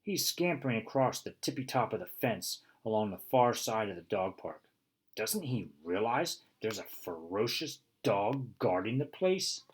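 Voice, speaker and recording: Husky male storybook narrator. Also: a little slow. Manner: expressive, with bursts of high excitement. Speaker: audiobook reader. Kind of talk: first-person storybook narration.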